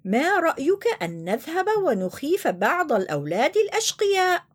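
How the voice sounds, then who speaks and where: A woman's voice: high voice, huge pitch swings, a little fast. A woman voicing a timid young boy in a children's story who is scared of almost everything, with a trembling, pleading voice. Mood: excited, pitying. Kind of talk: storybook voice acting.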